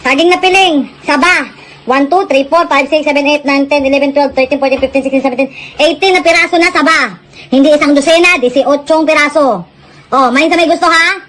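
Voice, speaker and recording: A woman's voice: sits high, a little fast, a bit bright, a little hiss or hum. A woman doing a comic live-selling skit, scolding viewers with bossy sales patter. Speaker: mock live seller.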